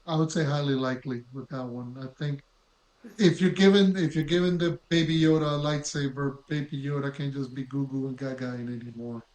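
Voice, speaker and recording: A man co-hosting a podcast in casual chat, reflective and measured as he explains his thinking. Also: mid-range voice, level tone, a little mellow. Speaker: podcast co-host. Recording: echoey room.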